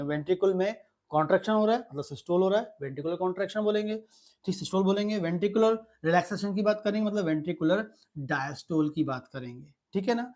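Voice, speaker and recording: A man's voice: sits high, darkish tone. A male teacher giving a classroom lecture, repeating key terms and asking himself questions before answering them. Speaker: physiology teacher. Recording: slightly muffled lo-fi audio.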